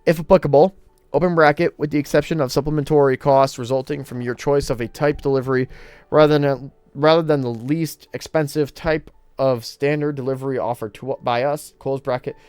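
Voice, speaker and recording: A man reads a long legal agreement aloud word for word, stumbling now and then, correcting himself and apologizing, and reading out punctuation like "open bracket" and "slash." His medium-pitched voice is steady, a little fast, a little mellow, clear and resonant, recorded dry.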